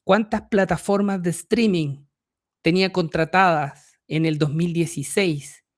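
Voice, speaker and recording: A man's voice: high voice, fairly even intonation, measured pace. A middle-aged man with a Chilean accent hosting a podcast, explaining ideas step by step and asking his listeners rhetorical questions. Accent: Chilean Spanish. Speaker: podcast host.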